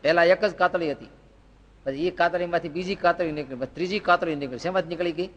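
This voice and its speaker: A man's voice: a little high, fast talker, a bit bright, muffled recording. A man giving a devotional sermon, asking rhetorical questions and telling folksy anecdotes. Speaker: spiritual teacher. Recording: long reverb in a hall.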